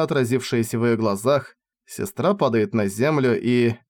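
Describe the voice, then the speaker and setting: A male narrator reading a fantasy novel aloud in an expressive storytelling manner. His voice sits at an ordinary pitch but moves in lively, animated contours. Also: no room sound, clean studio sound. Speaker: audiobook narrator.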